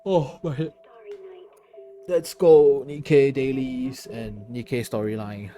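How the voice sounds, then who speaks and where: A man's voice: mid-range voice, fairly even intonation, takes it slowly, warm tone, soft background music. A tired man chatting casually while streaming a game, laughing often and answering his chat.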